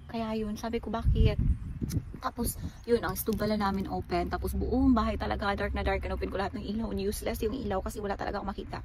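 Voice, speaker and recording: Speaking quickly in a medium-pitched, steady voice, a woman from the Philippines vlogs by phone at home and just outside, frightened and rattled, with frequent exclamations. Her accent is Filipino, and the phone audio is noisy.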